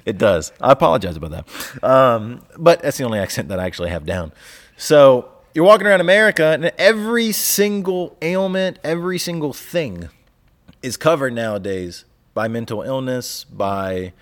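Animated Southern man, casual faith talk. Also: medium pitch, moderate pace. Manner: animated, laughs often, restarts phrases. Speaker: podcast co-host, church leader. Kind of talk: casual faith discussion, reading scripture aloud.

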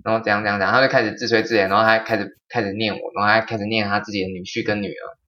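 A young man tells a story in casual podcast chat. His voice sits low, and he often restarts sentences and acts out quotes. The recording sounds slightly dull and lo-fi. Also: rapid-fire. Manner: animated, quoting people, frequent restarts. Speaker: podcast host.

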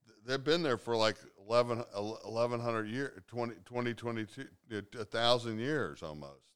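A man's voice: mid-range voice, fairly quick, fairly bright tone, smooth. A man hosting a casual chat show, rambling with restarts and joking asides. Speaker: host.

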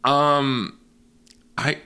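A man co-hosting a podcast in casual chat, giggling often and jumping high in pitch when he laughs. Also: flat delivery, drawn-out words, pushed and bright, clear, resonant tone. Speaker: podcast co-host.

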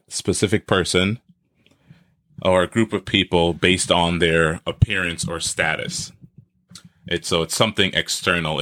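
A man's voice: low-pitched, bright, forceful tone, dry recording, clean studio sound. A man in his thirties from Trinidad, raised in Brooklyn, speaking as an associate pastor on a podcast, earnest and explanatory. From Trinidad, raised in Brooklyn, New York. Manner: earnest, explanatory, laughs easily. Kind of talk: podcast interview.

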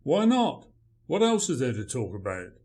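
A man's voice: mid-range voice, huge pitch swings, normal speed, darkish tone. A man playing a grumpy male writer, dry, sarcastic and dismissive in a radio play. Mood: sardonic.

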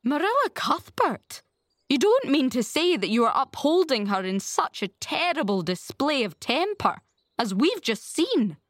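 A woman's voice: on the high side, big pitch swings, unhurried, no echo, studio quality. A woman voicing a blunt, judgmental busybody in a storybook, with an emphatic, solemn, outspoken delivery. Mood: indignant.

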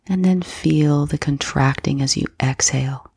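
A woman guiding a slow breath-counting meditation in a soft, gentle, breathy voice with unhurried pauses. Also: low-pitched, no echo. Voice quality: soft, breathy, husky, often near whisper. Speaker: meditation guide.

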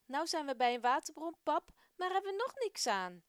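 A woman voicing an eager young boy in a storybook reading, high and excitable. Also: moderate pace, dry recording, studio quality. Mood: annoyed. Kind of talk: storybook narration.

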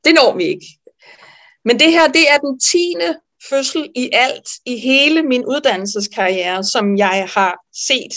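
A woman midwife telling a personal story in an interview, lively and animated, with frequent fillers. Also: high voice, hardly any pauses. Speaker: midwife guest.

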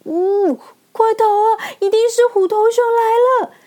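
A woman's voice: sits high, slow pace, darkish tone, pitched above the performer's own voice. A woman voicing a timid, cowardly male lion who stammers and whimpers with fright in a storybook reading. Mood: panicked.

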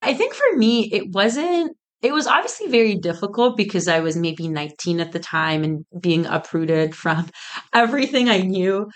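A business founder from Egypt, around thirty, tells stories informally as a guest in a casual interview, her mid-range voice animated and moderately paced. She peppers her speech with "like," quoted asides, and frequent tangents.

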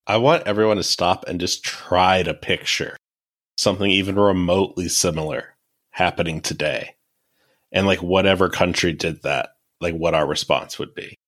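A man with a low voice co-hosts a casual history podcast. He is laid-back and sometimes reads quotes aloud. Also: fairly even intonation, moderate pace, a bit bright. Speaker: podcast co-host.

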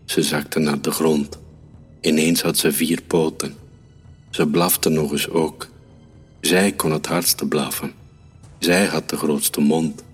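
A man reading a children's story aloud in a calm, measured way. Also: rumbling low, breathy edge. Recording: reverberant room with soft music.

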